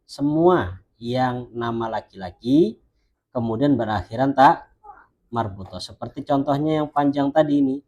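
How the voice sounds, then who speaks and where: A man teaching Arabic grammar in an online class, who explains patiently and says example phrases slowly and carefully. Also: medium pitch, expressive, a little mellow, muffled recording.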